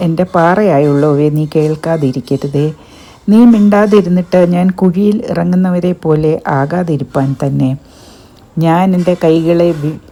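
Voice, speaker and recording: A woman giving a slow, solemn reading of psalms as a scripture reader. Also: sits low, dark tone.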